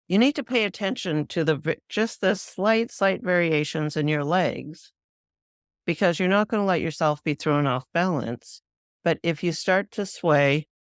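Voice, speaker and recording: A woman hosting a spiritual podcast, calmly explaining a practice step by step in an instructive solo talk. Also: low-pitched, dry recording, clean studio sound. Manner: calm, measured, guiding explanations. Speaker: spiritual teacher, podcast host.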